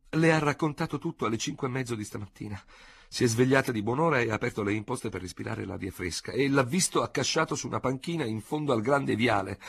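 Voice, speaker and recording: A man's voice: mid-range voice, gravelly, a bit bright, breathy edge, no echo, pitched above the performer's own voice, heavily acted. A man voicing a fussy, talkative older noblewoman in an audiobook, chattering breathlessly. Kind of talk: audiobook character voice.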